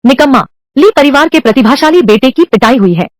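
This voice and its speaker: A woman's voice: high voice, animated, fairly quick, dry recording. A woman doing heated, accusatory dubbed drama dialogue across several roles.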